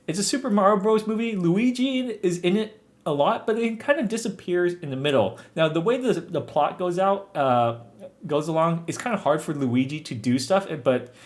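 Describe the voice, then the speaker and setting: A young man talks through a movie review in a relaxed, chatty way. He sounds earnest and upbeat, his voice sitting at an ordinary middle pitch. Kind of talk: casual spoken review.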